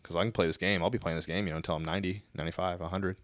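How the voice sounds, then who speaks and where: A man's voice: deep voice, fairly even intonation, rapid-fire, dry recording. A man co-hosting a podcast, talking earnestly and rambling through his thoughts. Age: 30s. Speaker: podcast co-host, golf fitness coach. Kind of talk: casual podcast chat.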